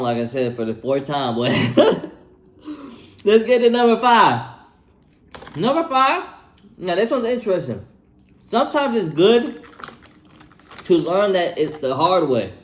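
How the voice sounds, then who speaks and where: Laid-back young man, echoey room. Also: fairly high pitch. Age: 20s. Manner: laid-back, slangy, repeats himself, tags lines with "bro". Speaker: vlogger giving life advice. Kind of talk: casual advice vlog while eating.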